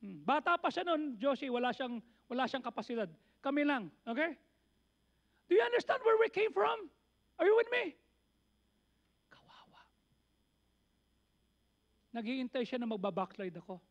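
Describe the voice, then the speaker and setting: A man's voice: very high-pitched, big pitch swings, fairly quick, fairly bright tone. A Filipino man in his sixties, a pastor preaching a sermon with personal testimony, often checking in English that the congregation is following. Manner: mixes in English asides, asks the congregation if they follow. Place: church sanctuary. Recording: dull lo-fi church recording.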